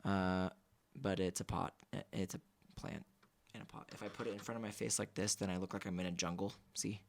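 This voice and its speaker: Young male singer-songwriter, vlog host, deadpan goofy humor, casual chatty delivery. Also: low-pitched, brisk, vocal fry. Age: young adult.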